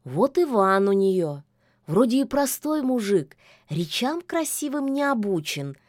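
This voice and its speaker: A woman's voice: medium pitch, big pitch swings, unhurried, darkish tone, no room sound, studio quality. A woman voicing a sly wise talking cat. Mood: advising. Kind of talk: fairy-tale audiobook voicing.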